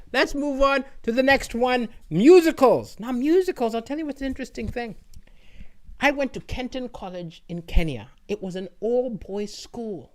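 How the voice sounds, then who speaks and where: Rambling casually for an online audience, a comedian with a notably high-pitched male voice keeps finishing lines with "right?".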